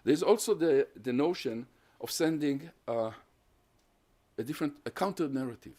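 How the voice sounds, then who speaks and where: A guest lecturer on terrorism research, native in Hungarian, speaks in a slightly high voice with a dark tone and lively intonation. His academic lecture, which includes audience questions, is measured and explanatory, built around lists of points.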